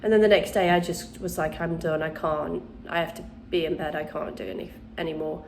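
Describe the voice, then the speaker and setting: A woman with a low, gravelly, darkish voice chats briskly and steadily to camera, still congested after the flu. She hosts a channel teaching witchcraft crafts and rambles a bit with restarts and ums, over a slight hiss or hum.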